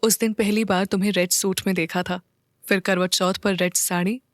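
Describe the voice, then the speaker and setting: A woman voicing a calm, affectionate young man, a lawyer, speaking deeply and slowly in an audio story. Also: no room sound, lightly acted. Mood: tender. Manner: deep, slow, low-key.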